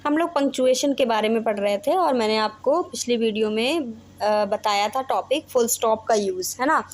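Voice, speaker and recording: A woman's voice: on the high side, normal speed. A young Indian woman teaching a grammar lesson, explaining step by step and often checking in with her students. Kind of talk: Hindi-English grammar lesson.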